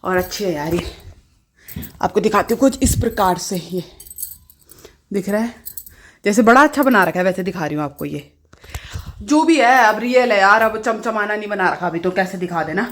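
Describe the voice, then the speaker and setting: A woman's voice: mid-range voice, expressive, moderate pace, pauses often. A woman, chatting in a rambling, casual way in a daily home vlog, often mixing in English phrases. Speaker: vlogger.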